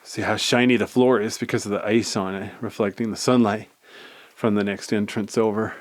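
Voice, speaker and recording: A man's voice: fairly low pitch, steady tone, moderate pace, no room sound. A man giving a casual, rambling tour commentary in a laid-back manner, filming himself exploring inside a cave. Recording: clear background noise, handheld cave recording.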